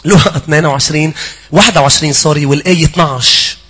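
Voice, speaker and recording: Animated Lebanese preacher with a husky voice. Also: male voice, a little high, racing. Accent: Lebanese Arabic. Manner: animated, swings between loud pleading and hushed asides. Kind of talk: sermon.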